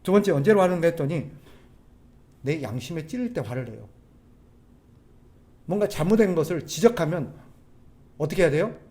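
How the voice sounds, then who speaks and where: Male pastor, sermon, lively swinging pitch, fairly high voice, rhetorical questions. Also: fairly quick, pauses often. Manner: animated, asks the congregation rhetorical questions; acts out quoted people's voices.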